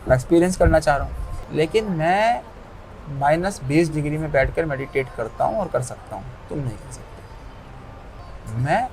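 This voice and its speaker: A man's voice: fairly high pitch, animated, a little fast, darkish tone, slight background noise. Emphatic man asking rhetorical questions. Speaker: yoga practitioner guest. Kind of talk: casual conversational interview.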